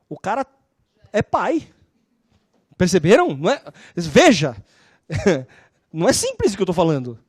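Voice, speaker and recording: A woman lecturing on law, telling lively stories and constantly checking in with her class. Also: medium pitch, breathy edge, no echo, clean studio sound. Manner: animated, acts out scenes.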